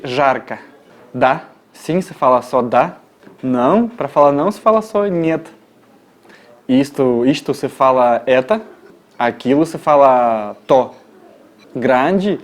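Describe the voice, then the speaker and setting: A man with a Russian accent, a native Russian speaker, teaching tourist phrases in a joking, casual way and repeating each word slowly. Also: medium pitch. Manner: joking, slow repeated model words. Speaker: language guide.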